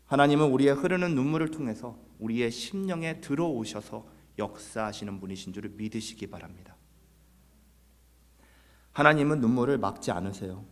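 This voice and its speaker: A man's voice: mid-range voice, lively intonation, fairly quick, long reverb tail. A man preaching a Sunday sermon as pastor, earnest, putting rhetorical questions to his congregation. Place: church sanctuary.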